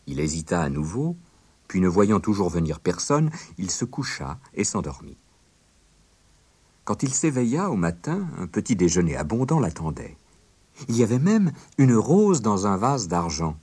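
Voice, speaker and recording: A man narrating a fairy tale in an expressive, dramatic reading. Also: lowish voice, moderate pace, husky. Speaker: storyteller.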